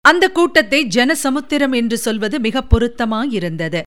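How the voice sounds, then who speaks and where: Clear-voiced woman narrating a novel. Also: fairly high pitch, very animated, moderate pace, a bit bright. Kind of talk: scripted narration of a historical novel.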